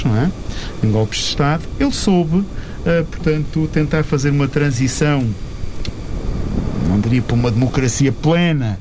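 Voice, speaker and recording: A man from Angola, commenting in a casual discussion and talking hesitantly with many fillers and restarts. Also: mid-range voice. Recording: noticeable background noise.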